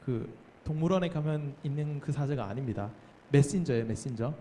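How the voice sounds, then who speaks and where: A man's voice: medium pitch, a little fast, warm tone, slight background noise. A young man preaching a sermon to a youth group, explaining with questions to the listeners and acting out the quoted speakers. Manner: acts out the quoted voices of master and servants. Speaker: youth pastor.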